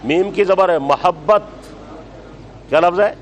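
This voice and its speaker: A religious teacher, lecturing a class, repeating phrases slowly for dictation and scolding students brusquely. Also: male voice, on the high side, a little mellow. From Pakistan.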